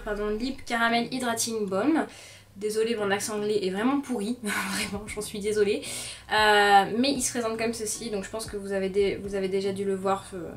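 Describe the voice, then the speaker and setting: Chatty young woman, slightly distant mic. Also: fairly high pitch. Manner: chatty, frequent "euh" fillers, gentle and enthusiastic. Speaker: beauty vlogger. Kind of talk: casual favorites video. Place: bedroom. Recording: slightly distant mic, soft music underneath.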